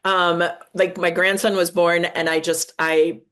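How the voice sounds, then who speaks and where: An older woman hosting a podcast, talking in a halting way with many restarts. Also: fairly low pitch, little pitch movement, fairly bright tone. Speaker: podcast host. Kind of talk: podcast conversation.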